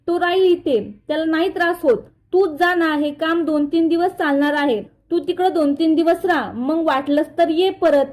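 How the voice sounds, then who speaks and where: A woman voicing a sharp-tongued middle-aged mother-in-law who scolds and taunts. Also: very high-pitched, steady tone, normal speed, hardly any pauses. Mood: scolding.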